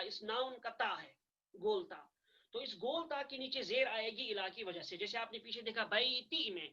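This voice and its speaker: Patient male teacher, bright lo-fi voice. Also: sits high. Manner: patient, repeats and spells out each point. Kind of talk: online classroom lecture. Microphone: video call microphone.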